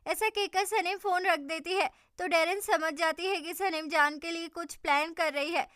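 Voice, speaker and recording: A woman tells a drama recap in a steady, even storytelling manner. Her voice is very high and bright. The sound is close and dry. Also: normal speed, no room sound. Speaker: narrator.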